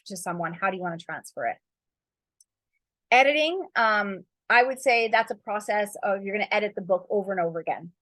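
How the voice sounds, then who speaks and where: A woman author gives casual, encouraging writing advice, rambling loosely with lots of "like" and "you know" plus spiritual turns of phrase. Her voice is mid-range and a bit bright, with no echo.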